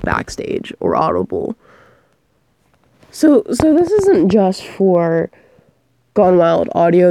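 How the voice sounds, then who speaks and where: Sick and coughing, a young female audio performer drifts through a casual, rambling chat, wandering off her thoughts. The close, completely dry recording captures her low-leaning voice, mellow and edged with gravelly fry.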